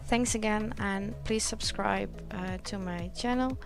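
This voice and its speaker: A woman's voice: medium pitch, a little slow, vocal fry, over music. A woman with a Dutch accent narrating an art tutorial voice-over, speaking plainly with a slightly hesitant, awkward delivery.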